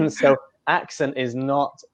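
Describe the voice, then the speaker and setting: A man's voice: mid-range voice, very slow, fairly bright tone. A man from Wales, an English tutor, answering interview questions in a chatty, casual way with many fillers.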